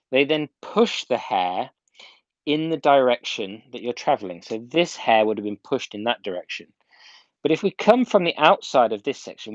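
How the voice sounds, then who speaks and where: A man's voice: mid-range voice, dry recording. Man teaching hands-on, dull muffled sound. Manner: informal, instructive, repeats key points for emphasis. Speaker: hairdressing instructor. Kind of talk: live video tutorial, casual step-by-step demonstration. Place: indoors at home.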